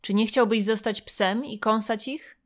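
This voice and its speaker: A woman's voice: on the high side, fairly even intonation, a little slow, lightly acted. A woman voicing a mocking Roman man who taunts an old Greek. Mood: taunting.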